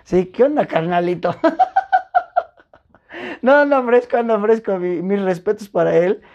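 A young woman with a Mexican accent and a soft, mellow tone. She tells stories in lively, slangy chat and slips into other people's voices to act out their lines. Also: mid-range voice, unhurried, lo-fi sound. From Puebla, Mexico. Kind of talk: casual chat, storytelling.

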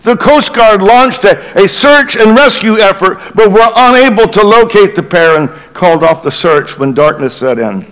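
A middle-aged man, a bishop, preaching a Christmas Eve sermon and telling a story dramatically, sinking to a hushed low voice at tense moments. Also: lively intonation, normal speed, few pauses, poor audio.

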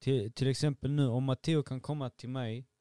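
A man's voice: medium pitch, steady tone, dark tone, clean tone, no room sound, clean studio sound. A young man in a casual chat, reflective and a little hesitant, using street slang.

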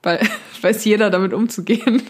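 A woman co-hosting a casual podcast, musing hesitantly with many pauses. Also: mid-range voice, darkish tone, slightly rough. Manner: hesitant, many fillers, reflective. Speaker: podcast co-host. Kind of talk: casual chat.

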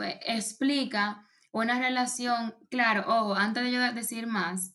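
A woman coaching on public speaking in a relaxed conversation, explaining at length with many fillers and restarts. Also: on the high side. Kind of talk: casual advice chat.

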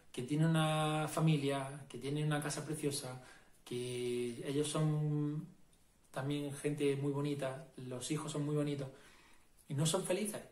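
A man leads a casual self-help and meditation talk, speaking with a slightly high voice. He is emphatic and repetitive, and keeps checking in with the listener. The recording has a noticeable room echo. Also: darkish tone. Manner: emphatic, repetitive, asks "¿no?" and "¿vale?". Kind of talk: casual motivational talk to camera.

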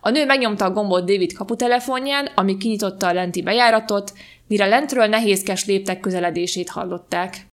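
A woman podcast host reading a short story aloud in a calm, even storytelling manner. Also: medium pitch. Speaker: podcast reader.

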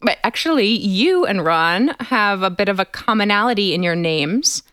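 A woman's voice: medium pitch, lively intonation, moderate pace, a bit bright, no echo, clean studio sound. Chatty woman explaining things on a podcast. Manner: explanatory, laughs often. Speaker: podcast co-host. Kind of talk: casual podcast chat.

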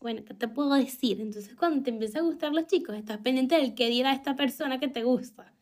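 High-voiced Venezuelan woman, frank storyteller. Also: fast, darkish tone. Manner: frank and emphatic, repeats phrases, swears casually. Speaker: vlogger. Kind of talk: candid personal storytelling.

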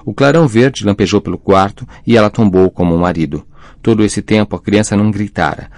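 A man's voice: fairly low pitch, brisk, a little mellow, no room sound. Man reading a dramatic audiobook. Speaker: audiobook narrator.

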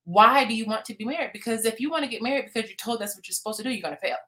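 A woman's voice: a little high, rapid-fire, crowd noise. A woman co-hosting a motivational talk, earnestly giving practical advice. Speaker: co-host.

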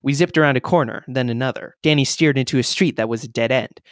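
A podcast co-host reads a friend's story aloud, teasing and joking with him between passages in casual banter. He has a medium-pitched voice and a quick pace, recorded dry in studio quality.

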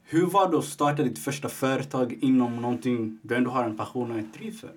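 A man's voice: mid-range voice, fairly even intonation, far from the mic. Playful male podcast host, off-mic. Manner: upbeat, playful, quick short backchannels. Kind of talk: casual interview.

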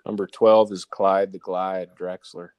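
A man's voice: low-pitched, flat delivery, measured pace, darkish tone, clear, resonant tone, no echo. A man giving a casual countdown of sports nicknames to co-hosts, announcing each ranked number and then the name. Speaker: sports talk show panelist presenting a list.

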